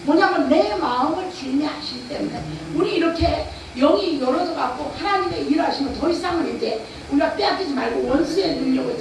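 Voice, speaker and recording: High, gravelly woman pastor preaching in an echoey hall. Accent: Chungcheong Korean. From Chungcheong, Korea. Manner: emphatic preaching with rhetorical questions. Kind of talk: revival sermon. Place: church or prayer house hall. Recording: echoey hall, far from the mic, faint noise.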